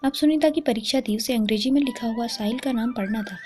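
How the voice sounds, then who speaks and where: A woman storyteller narrating a scripted story in a smooth, even way. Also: a little high, fast talker. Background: faint music.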